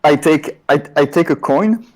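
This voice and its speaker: A man playing in a tabletop game, talking in character in a playful, smooth-talking way. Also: a little high, a little slow. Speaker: player.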